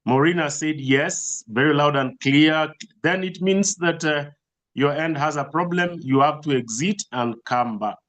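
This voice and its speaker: A man's voice: on the high side, unhurried, fairly bright tone. A man on a video call, practically sorting out an audio problem. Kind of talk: call coordination.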